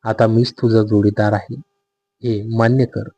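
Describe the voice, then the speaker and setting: A man doing a calm, possessive young brother-in-law. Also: fairly low pitch, a little slow, dry recording. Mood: insistent. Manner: calm, steady, insistent.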